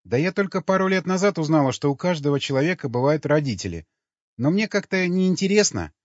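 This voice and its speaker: A man reading an audiobook, voicing a meek, naive young woman who talks in a soft, docile, matter-of-fact way. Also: fairly high pitch, expressive, fairly quick, no echo, voice pushed up, lightly acted. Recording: dull lo-fi recording.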